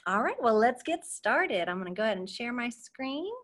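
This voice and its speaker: A woman's voice: a little high, sing-song, moderate pace, a bit bright. Upbeat young woman teaching kids online. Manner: upbeat, chatty teacher voice, lots of "okay?". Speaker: marine science educator. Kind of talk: online lesson for children. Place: at home. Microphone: video call.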